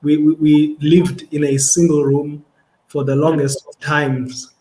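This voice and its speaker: A man's voice: a little high, little pitch movement, measured pace, dark tone, roomy sound, poor audio. A young man with a South African Xhosa accent, a podcast guest talking in a thoughtful, casual way and often repeating words as he searches for them. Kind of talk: casual conversation.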